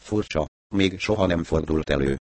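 A man's voice: rumbling low, a little mellow, no echo. A man doing a cold grumbling villain boss.

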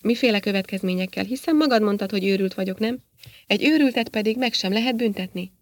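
A woman's voice: mid-range voice, no echo, close to an everyday voice. A woman reading the lines of a bitter, stubborn male astronaut in an audiobook, with a defiant delivery.

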